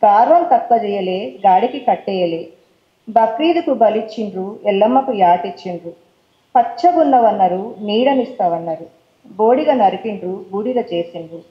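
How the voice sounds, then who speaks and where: A woman's voice: mid-range voice, lively intonation, normal speed, roomy sound, highs cut off. A woman with a Telangana accent, a poet on stage who chats casually between poems and recites her verse in a rhythmic way. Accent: Telangana Telugu. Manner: casual talk mixed with English words. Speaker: poet reading her own work. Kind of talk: poetry recital with chatty introductions. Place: stage at a poetry forum event.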